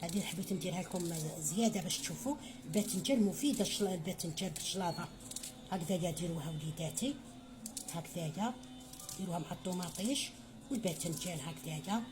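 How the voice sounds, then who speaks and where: Middle-aged algerian lady cooking on camera, talks super fast, mothering everyone, noisy kitchen. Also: fairly low pitch. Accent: Algerian Arabic. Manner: chatty, motherly, addresses viewers as her children, frequent blessings. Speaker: home cook. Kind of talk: cooking tutorial.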